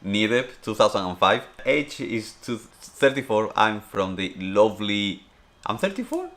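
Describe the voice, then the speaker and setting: A man's voice: on the low side, big pitch swings, unhurried, fairly bright tone. A man in his thirties from Spain, speaking English with a Spanish accent, answers viewer questions in a casual, rambling way that leans on "obviously" and "you know". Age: 30s. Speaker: streamer. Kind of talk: casual Q&A chat.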